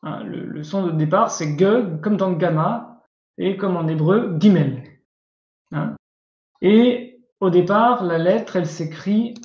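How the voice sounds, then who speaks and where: Male teacher, unhurried and patient, checking in constantly, over a dull video-call line in an echoey room. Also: sits high, a little mellow. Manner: patient, repetitive, often checks understanding with asides. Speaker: Coptic language teacher. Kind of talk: online language class.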